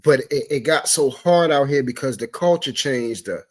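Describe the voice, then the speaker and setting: A man's voice: mid-range voice, moderate pace, darkish tone. A man on a livestream talk show, ranting in a heated, profane way, stammering through restarts and breaking off to apologize again and again. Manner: stammering restarts when upset. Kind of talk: impassioned livestream commentary.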